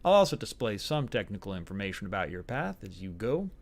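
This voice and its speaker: A folksy, upbeat flight-school instructor talks with a put-on American Southern drawl, as a man reads the game's tutorial aloud. The voice sits fairly low and gives step-by-step instructions with a joking edge. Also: big pitch swings, fairly quick. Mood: instructive. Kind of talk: reading game tutorial text aloud in a put-on voice.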